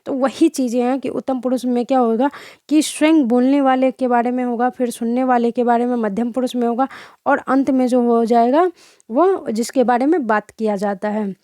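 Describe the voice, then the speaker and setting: A woman's voice: on the high side, moderate pace, warm tone, no echo, clean studio sound. A young woman teaching an online grammar lesson, who keeps asking rhetorical questions and correcting herself as she goes.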